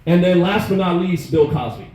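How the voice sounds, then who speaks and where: A man in his thirties doing stand-up, telling stories in an animated, profane, self-mocking way. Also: high voice, normal speed. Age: 30s. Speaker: stand-up comedian. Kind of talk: stand-up storytelling. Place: comedy club stage. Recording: echoey room, faint noise.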